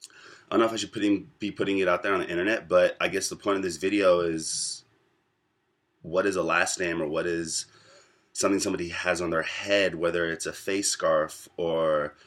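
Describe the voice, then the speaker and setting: A young American man in his twenties talks straight to his viewers, recounting a personal story. His voice sits low and comes out with a forceful edge. He pauses often between thoughts as he works through what he wants to say. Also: fairly even intonation. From United States. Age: 20s. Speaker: vlogger. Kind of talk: casual storytelling to camera.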